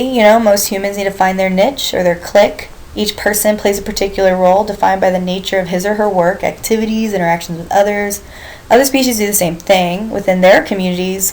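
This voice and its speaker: A woman's voice: mid-range voice, a little mellow, slight background noise, rough recording. A woman lecturing a biology class, explaining step by step, asking the students questions and reminding them of earlier material.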